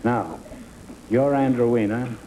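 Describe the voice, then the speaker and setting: A man's voice: mid-range voice, slow pace, dark tone. An older man hosts a quiz show in a drawling, teasing way, dropping puns between questions. The sound comes from an old 1960 television broadcast with a noisy hiss underneath. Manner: teasing, punning, drawling delivery. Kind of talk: wisecracking quiz show banter.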